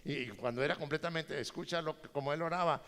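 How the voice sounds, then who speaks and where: A male pastor preaching a sermon, animated and joking with his congregation. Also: on the high side, fast. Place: large church hall. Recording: reverberant church hall.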